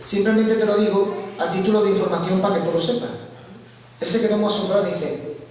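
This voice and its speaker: A man giving a church testimony, telling his story with animated, acted-out dialogue. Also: sits high, fast. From Spain. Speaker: guest speaker giving testimony. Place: large church hall. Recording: echoey church hall from far off, faint hiss.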